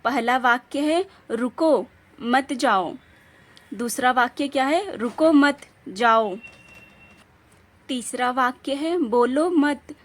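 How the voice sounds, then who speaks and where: Slow, patient woman teacher. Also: fairly high pitch, fairly bright tone. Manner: slow, patient, reads example sentences aloud with emphasis. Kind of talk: classroom lesson explaining punctuation.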